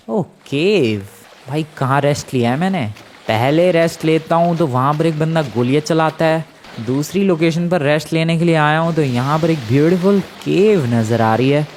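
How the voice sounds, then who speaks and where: A man giving casual game commentary, excitable and exclaiming, talking to his viewers as friends. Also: fairly high pitch. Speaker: gameplay commentator.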